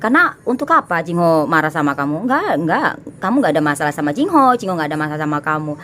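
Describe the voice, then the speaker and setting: A woman's voice: very animated, fast talker, slight background noise. Emphatic woman giving spiritual advice. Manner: refers to herself in the third person; tone swings between high, low and soft. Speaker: tarot card reader. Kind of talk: casual spiritual advice monologue.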